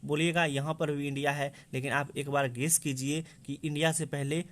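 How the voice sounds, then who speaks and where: Repetitive teacher. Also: male voice, a little high, flat delivery, normal speed, fairly bright tone. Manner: repetitive, drills answers by asking and answering himself. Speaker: exam prep teacher. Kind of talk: explaining memory tricks to students.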